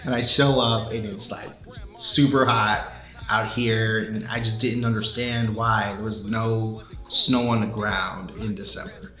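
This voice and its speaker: Animated man telling a story, roomy echo. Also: on the low side, unhurried, soft background music. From US East Coast. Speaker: interviewee. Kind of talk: casual interview storytelling.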